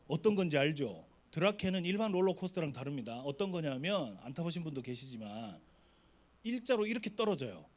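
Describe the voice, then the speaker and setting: A middle-aged man, a pastor, telling a story in a sermon to a youth retreat and acting out the voices. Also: sits high.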